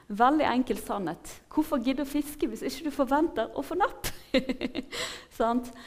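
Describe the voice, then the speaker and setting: A woman in her thirties giving a personal faith testimony in an earnest, animated way, often laughing and checking in with her listeners. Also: sits high. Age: 30s.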